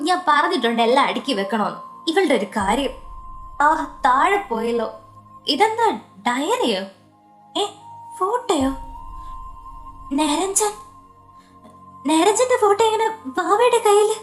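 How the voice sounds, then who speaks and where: A woman's voice: sits high, very animated, measured pace, pauses often, soft background music, pitched above the performer's own voice. A woman voicing a caring young woman who looks after her younger companion and frets easily. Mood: fretful. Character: caring young woman, elder sister figure.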